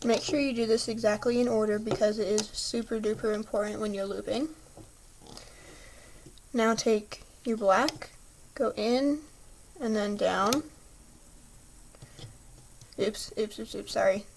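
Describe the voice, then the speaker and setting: A woman's voice: mid-range voice, fairly even intonation, unhurried, pauses often, a little hiss or hum. A woman patiently talking through a step-by-step craft tutorial, chatty, with small slips, apologies and a slightly throaty voice.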